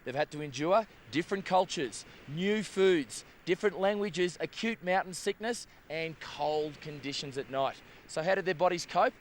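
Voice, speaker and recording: With a slightly high voice at a moderate pace and few pauses, an Australian man brightly presents a travel documentary to the audience. He mixes direct-to-camera speech with scripted narration, and the recording picks up noisy outdoor surroundings.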